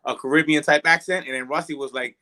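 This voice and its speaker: Bright-voiced Bermudian man telling stories. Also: on the high side, fast. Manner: animated retelling with quoted dialogue. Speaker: guest musician, singer. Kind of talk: casual interview chat, storytelling.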